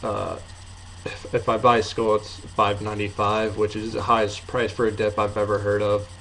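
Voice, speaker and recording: Low, monotone young man with a packed lip. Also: normal speed. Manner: low-key, hesitant, offhand. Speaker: amateur video reviewer. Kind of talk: casual rambling review to camera. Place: apartment bedroom. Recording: noisy room sound.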